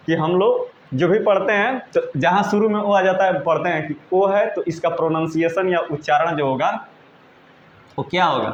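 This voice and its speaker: A man with a fairly high voice teaches patiently, repeating points and checking that his students understand. He spells words out slowly, one letter at a time. The room sounds echoey, with a faint hiss over a slightly dull recording. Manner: patient, repetitive, asks "understood?" often. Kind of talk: classroom-style lesson in Hindi.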